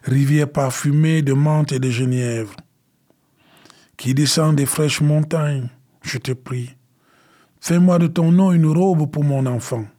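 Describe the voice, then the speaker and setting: A man voicing a poor, desperate mother, pleading softly for her child. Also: fairly high pitch, slow, voice pushed up. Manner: pleading, soft and gentle.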